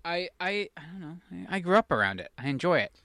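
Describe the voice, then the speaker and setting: A man with a fairly high, forceful and bright voice, recorded close and dry. He chats casually as a co-host, wandering through anecdotes with a self-deprecating streak. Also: very animated, quick pace, dry recording. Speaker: talk show co-host.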